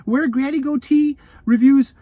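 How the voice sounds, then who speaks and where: In a casual, unscripted video from Los Angeles, a food review show host talks chattily and folksily, calling viewers grandchildren and referring to himself in the third person. He laughs often between remarks, his high-pitched, mellow voice steady at a measured pace, with no room sound.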